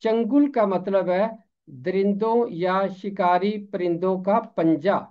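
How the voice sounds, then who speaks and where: A man with a Pakistani Urdu accent giving a pronunciation lesson, speaking slowly and deliberately and repeating each word for drill. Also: high voice. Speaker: pronunciation teacher. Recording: slightly dull lo-fi recording.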